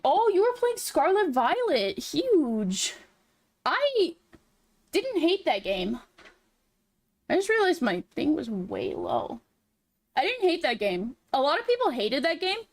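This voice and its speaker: A woman hosting a casual livestream, chatting in a cute, animated anime-streamer way with drawn-out words. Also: high-pitched, no echo. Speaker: VTuber livestream host. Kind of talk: casual livestream chat while drawing.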